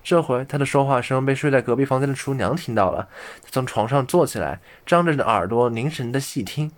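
Male audiobook narrator, mid pitch, measured fairy-tale reading. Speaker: audiobook reader.

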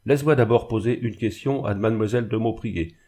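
A man's voice: lowish voice, fairly quick, warm tone, breathy edge. A man doing a harsh old spinster. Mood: stern. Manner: severe, accusing. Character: stern, harsh old spinster seamstress, woman.

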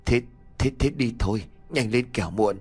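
A man's voice: medium pitch, moderate pace, darkish tone, husky, faint music behind, close to an everyday voice. A man voicing a timid, easily frightened elderly husband who stammers in a ghost story. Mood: panicked. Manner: stammering, fearful.

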